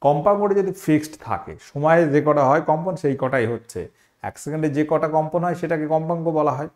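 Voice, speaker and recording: A man's voice: a little high, fast, a little mellow. A man teaching an exam-prep science lesson, explaining step by step, repeating key terms and asking the students questions.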